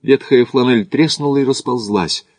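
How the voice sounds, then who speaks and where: A man narrating an audiobook in a measured literary reading on a close studio mic. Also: mid-range voice, a little mellow, no room sound. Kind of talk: scripted narration.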